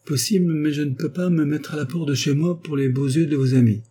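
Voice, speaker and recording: Grumpy stingy old wood seller, curt and wary, a man putting him on, raised a bit higher. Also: steady tone, brisk, warm tone, a little hiss or hum, close to an everyday voice. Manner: curt, suspicious. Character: gruff miserly old male timber merchant.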